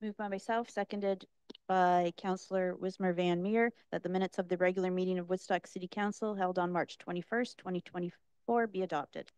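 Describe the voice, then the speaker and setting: A woman councillor reading formal motions at a desk microphone in a council chamber, in a measured way. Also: lowish voice, fairly even intonation, a little mellow, clear, resonant tone, no echo, poor audio.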